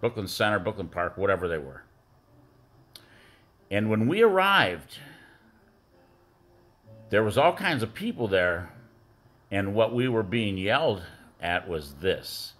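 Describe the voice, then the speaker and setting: Rambling middle-aged man, lowish voice. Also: big pitch swings, measured pace, long pauses, fairly bright tone. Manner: rambling storytelling with many fillers. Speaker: former youth football coach. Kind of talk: birthday tribute speech.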